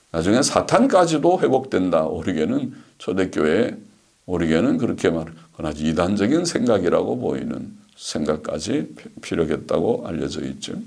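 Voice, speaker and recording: A man's voice: on the low side, creaky, darkish tone. A man, a pastor, giving a theology lecture, reading passages aloud and then explaining them with frequent fillers.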